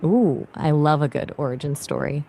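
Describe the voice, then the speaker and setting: Chatty upbeat AI woman, lowish voice. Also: a little hiss or hum. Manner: upbeat, chatty, quick and lively. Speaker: AI voice assistant. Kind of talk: casual conversational chat.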